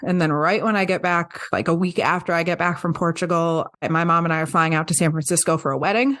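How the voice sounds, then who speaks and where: A woman's voice: fairly low pitch, fast talker. A young woman from upstate New York, co-hosting a podcast in a casual, chatty way with frequent laughs. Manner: chatty, laughs often, animated storytelling. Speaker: podcast co-host. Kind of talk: casual chat.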